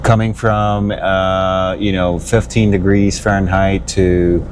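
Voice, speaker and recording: Laid-back deep-voiced man vlogging. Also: slow pace, slight background noise. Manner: relaxed, rambling with many fillers. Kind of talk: casual travel vlog narration. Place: inside an RV and outdoors on the road. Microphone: smart glasses camera.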